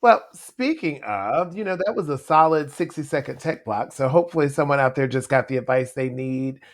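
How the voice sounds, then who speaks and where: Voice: medium pitch, animated, normal speed. A podcast host introducing a segment in a playful, upbeat way.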